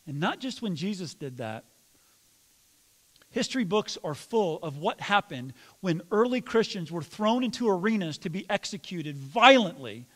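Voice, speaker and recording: Pastor, male, high voice, conversational sermon to a congregation; long church reverb. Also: very animated, moderate pace. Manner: addresses congregation with questions and mock yelling. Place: church sanctuary.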